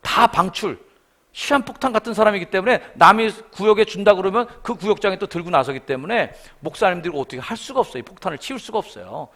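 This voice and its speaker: A middle-aged man preaching a sermon in a church, his pitch leaping up and down as he tells stories. His voice sits a little high for a man, and he slips into the voices of the people he quotes. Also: fast talker. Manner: animated storytelling, acting out quoted voices. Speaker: guest revival preacher. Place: church sanctuary.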